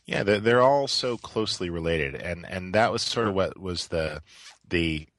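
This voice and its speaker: A man co-hosting a podcast, mellow and easygoing in casual chat. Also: low-pitched, expressive, moderate pace, dry recording. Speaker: podcast co-host.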